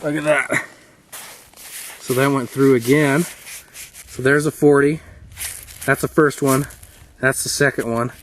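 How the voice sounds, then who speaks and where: A man hosting his own video, giving casual, enthusiastic running commentary to the camera outdoors, chatty and full of pauses, picked up on a camera mic. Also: mid-range voice, steady tone, a bit bright, a little hiss or hum. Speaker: video host. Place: outdoor shooting spot.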